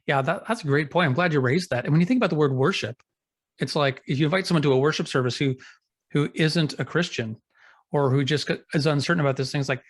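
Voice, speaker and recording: A man's voice: on the high side, quick pace, no echo, studio quality. A male podcast host asking an interview guest questions in a friendly, affirming way.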